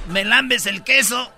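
A man's voice: high-pitched, bright, forceful tone. A man hosting a radio show, bantering playfully and laughing often.

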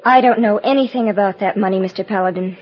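An actress playing a proud, weary and guarded outlaw's widow in a vintage radio western. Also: female voice, mid-range voice, quick pace, lightly acted. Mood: bitter. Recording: muffled, band-limited old radio recording.

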